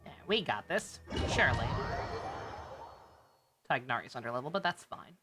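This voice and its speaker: With a bass voice and a sing-song delivery at normal speed, a woman streams casual live game commentary. She comes across as chatty, sarcastic and sweary over background video game music.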